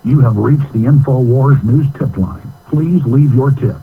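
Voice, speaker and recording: A man reading recorded phone menu prompts in a measured, even way, heard over a landline phone. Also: medium pitch. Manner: measured, evenly read announcements. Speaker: automated phone menu announcer. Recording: narrow phone line with faint hiss.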